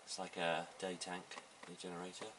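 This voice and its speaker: A man's voice: deep voice, completely flat delivery, a little fast. A man in his thirties casually explaining the gear in his sailboat's cabin, practical and plain-spoken. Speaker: boat owner giving a tour. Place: cramped boat cabin, indoors. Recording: slightly distant mic with faint background noise.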